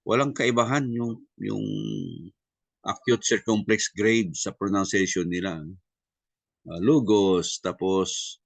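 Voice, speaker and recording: A man leads a review lesson in a very low, unhurried voice. He sprinkles in fillers and tag questions and spells out sounds deliberately. The recording is close and dry. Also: fairly even intonation, creaky, fairly bright tone, no echo. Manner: Tagalog-English mix, many fillers and tag questions. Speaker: Greek class teacher.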